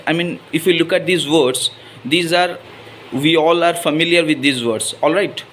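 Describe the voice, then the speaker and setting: An English teacher from Odisha, India, speaks in a slightly high, somewhat bright male voice over a faint hiss or hum. Odia is his first language and his accent shows it as he gives a spoken English pronunciation lesson, mixing in Hindi and repeatedly asking "right?"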